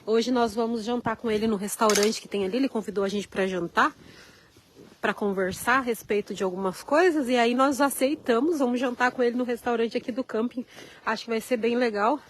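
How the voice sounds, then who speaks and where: Walking around a snowy RV park, a Carioca-accented vlogger from Rio de Janeiro, Brazil, live-streams, reading viewer comments and greeting people by name while her hands are chilled from the cold. Her voice is a little high and brisk, captured in a low-quality recording with some hiss or hum.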